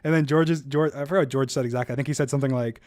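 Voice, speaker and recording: A young man casually commenting on his own gameplay video, rambling with lots of "like" and quick restarts. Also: medium pitch, fairly even intonation, darkish tone, dry recording, studio quality. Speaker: YouTuber reacting to own video.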